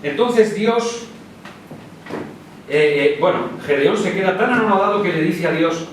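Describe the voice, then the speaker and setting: A man with a Spanish accent preaches to his congregation, his voice sitting high and swinging widely as he retells the story. The church hall rings with a heavy echo, and he sounds a fair way off from the microphone. Faint room noise hangs underneath. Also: a little slow. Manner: lively, conversational storytelling with acted quotes. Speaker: pastor. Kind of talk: sermon. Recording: very echoey hall, preacher far from mic.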